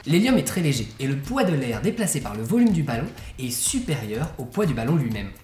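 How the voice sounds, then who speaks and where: A woman's voice: rumbling low, very animated, brisk, dark tone. A woman presenting science in a scripted explanatory narration. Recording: roomy echo under music.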